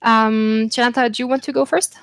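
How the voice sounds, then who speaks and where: A woman's voice: a little high, steady tone, a little fast, a bit bright, clean tone, no room sound. A woman hosting a university webinar over a video call, friendly and speaking with frequent fillers. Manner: friendly, filler-heavy delivery. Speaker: webinar host.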